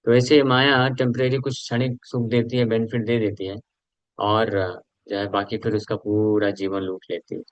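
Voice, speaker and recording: A man's voice: on the low side, level tone, normal speed, dry recording, muffled recording. A man giving a conversational scripture class as a preacher, asking his listeners questions and mixing Hindi with English.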